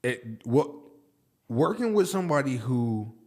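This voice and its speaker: A man hosting a podcast, asking easygoing, halting questions in a casual chat. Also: medium pitch, very animated, darkish tone. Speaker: podcast host.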